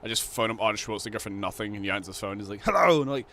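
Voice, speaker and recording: Brief: casual Scottish gaming streamer, swears constantly, faint background noise. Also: male voice, on the low side, flat delivery, racing, bright, forceful tone. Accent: Scottish, Glasgow. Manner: rambling, heavy swearing, frequent laughter. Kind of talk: casual live-stream chat while gaming.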